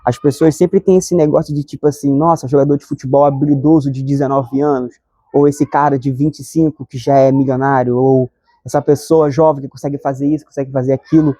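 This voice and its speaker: A man's voice: mid-range voice, level tone, a little fast, dark tone, no room sound, studio quality. A man, giving an earnest, conversational devotional reflection and often asking "sabe?". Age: 20s. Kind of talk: reflective devotional talk to camera.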